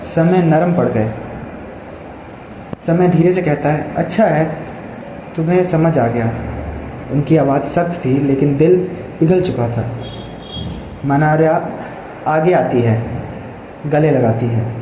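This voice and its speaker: A man's voice: on the high side, takes it slowly, pauses often. A man narrating a dramatic audio story in a plain read-aloud style. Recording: echoey room with faint noise.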